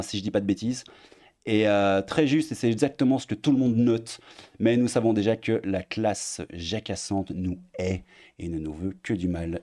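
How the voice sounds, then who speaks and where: Sarcastic mellow-voiced male commentator. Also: fairly low pitch. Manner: sarcastic, trailing off into mutters. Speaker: online commentator. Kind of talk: casual commentary reading posts aloud.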